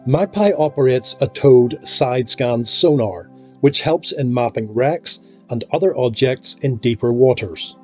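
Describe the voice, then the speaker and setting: A man reading scripted documentary narration in a measured, explanatory way. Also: medium pitch, expressive. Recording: voice-over with faint music behind.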